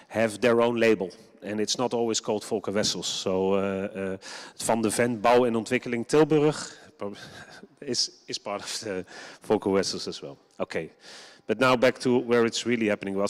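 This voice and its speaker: A man gives a conference presentation, his low voice smooth and clear as he explains at an even rate, often pausing on an "um". Long hall reverb trails behind every phrase. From Netherlands. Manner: steady explaining with many ums.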